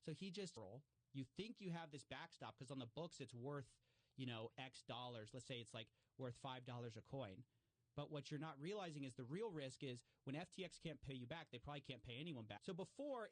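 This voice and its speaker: Appearing as an interview guest, this man chats casually about fraud cases, using many fillers and restarts. He's animated, and his pitch jumps up when he acts out what other people said. There is no room sound.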